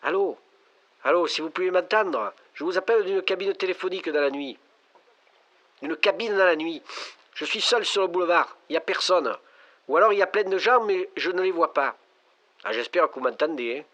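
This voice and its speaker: A man's voice: high voice, expressive, brisk, bright, forceful tone. An actor playing a lonely, frightened young man calling in from a payphone at night, his voice sounding distant on the line. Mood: pleading. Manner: pleading, breaking into panic. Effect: payphone call, distant caller on the line. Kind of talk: stage monologue acting.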